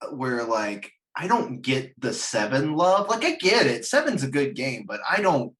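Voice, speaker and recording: In a mid-range, slightly slow voice, a man on a podcast panel rambles about films and games. He's animated and foul-mouthed, frequently laughing as he talks.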